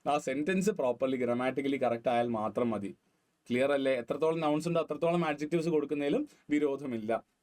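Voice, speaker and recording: A man's voice: mid-range voice, fairly quick, a little mellow. A man with a Malayali accent teaches a grammar lesson, mixing English terms into his talk and quizzing his listeners with questions.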